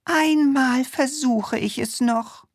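A woman voicing a forgetful, flustered female witch in a storybook, chanting spells in a slow sing-song. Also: high-pitched, slightly rough, dry recording, studio quality, pitched above the performer's own voice, exaggerated voice. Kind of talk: storybook reading.

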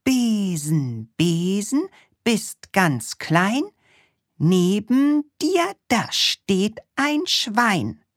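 A woman voicing a forgetful, flustered female witch in a storybook, chanting spells in a slow sing-song. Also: sits high, expressive, dry recording, studio quality, voice pushed up, heavily acted. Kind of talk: storybook reading.

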